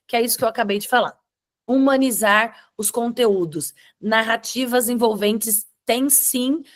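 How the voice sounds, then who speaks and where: A woman hosting an online webinar, explaining step by step and checking in with her listeners. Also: on the high side. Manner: explanatory, with frequent "tá?" check-ins and restarts. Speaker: webinar host.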